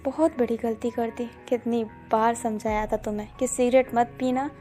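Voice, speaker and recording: A woman's voice: on the high side, fairly even intonation, normal speed, dark tone, faint music behind, natural voice. A woman voicing a loyal young male assistant who speaks politely and teases his boss a little. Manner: polite, keeps saying sir.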